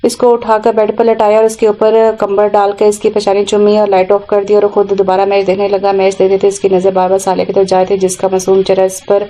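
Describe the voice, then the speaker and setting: A woman narrating an audio novel in an even, unhurried reading. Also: mid-range voice, low-quality recording.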